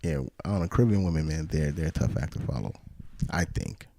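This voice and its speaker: A man's voice: a bass voice, animated, fast, creaky, over loud music. A man from the United States co-hosting a podcast, talking loosely and slangily in casual chat. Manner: loose slangy talk, says "yo" and "you know what I'm saying". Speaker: podcast co-host.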